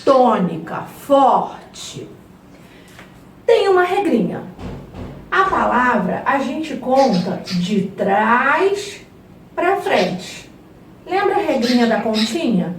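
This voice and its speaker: A Brazilian woman teaching a review lesson to young children, stretching words out slowly and playfully. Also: high voice, big pitch swings, roomy sound, distant mic, slight background noise. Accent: Brazilian Portuguese. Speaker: primary school teacher.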